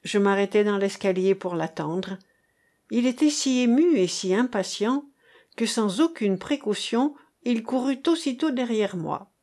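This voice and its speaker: A woman reading a novel aloud in a measured, unhurried way. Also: medium pitch, darkish tone. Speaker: audiobook reader. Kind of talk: read literary narration.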